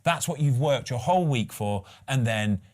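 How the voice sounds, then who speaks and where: A man's voice: mid-range voice, normal speed. Emphatic man hosting football chat. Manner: animated, emphatic, casual. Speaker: host.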